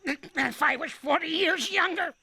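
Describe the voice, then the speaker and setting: A man's voice: very high-pitched, a little slow, creaky, exaggerated voice. An actor playing a cranky, boastful old male ape in a cartoon, who blusters, hurls goofy insults and mutters to himself. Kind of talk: cartoon voice acting. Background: cartoon music and sound effects.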